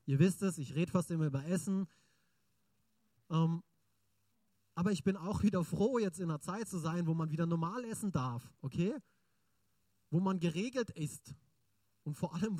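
A man preaching a sermon in a lively, chatty way, often asking the congregation questions. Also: high voice, no echo.

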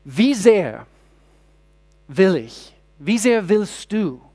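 Preaching man, halting restarts. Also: high voice, sing-song, warm tone. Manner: searching restarts, rhetorical questions to the congregation. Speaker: pastor. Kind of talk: sermon.

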